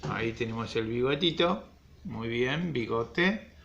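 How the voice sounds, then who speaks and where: A man's voice: mid-range voice, animated, unhurried, creaky, a bit bright, highs cut off, a little hiss or hum. A man teaching young children their letters, with a patient, playful way of checking in with them. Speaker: primary school teacher. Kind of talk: children's phonics lesson at a board.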